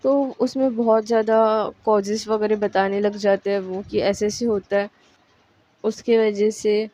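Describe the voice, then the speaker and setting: A woman's voice: a little high, a little mellow, lo-fi sound. A woman casually narrating a romantic story, conversational, with fillers.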